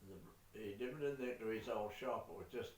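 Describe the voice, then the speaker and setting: An old man with a New Zealand accent spins a rambling yarn, dropping mild curses as he goes. His voice sits low. The recording is echoey and distant, with a faint hiss underneath. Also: fairly quick, darkish tone. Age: older. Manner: salty, peppers speech with mild swearing. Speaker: great-grandfather telling family stories. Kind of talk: rambling casual storytelling. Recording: echoey room, far from the mic, faint noise.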